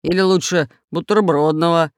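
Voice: medium pitch, steady tone, normal speed, clean tone, no echo, clean studio sound, natural voice. A narrator growling as a grumbly pirate captain. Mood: grumbling. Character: red-bearded pirate captain, greedy, grumbling.

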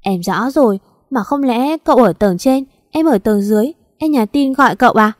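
A woman's voice: fairly high pitch, lively intonation, normal speed, darkish tone, dry recording, studio quality, lightly acted. Woman putting on a weepy young servant girl. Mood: pleading. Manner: whiny, tearful pleading.

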